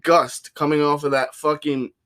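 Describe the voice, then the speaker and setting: A man's voice: fairly high pitch, steady tone, normal speed, fairly bright tone. A young man co-hosting a podcast, talking in a laid-back, casual way with easy swearing. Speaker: podcast co-host. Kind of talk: casual chat.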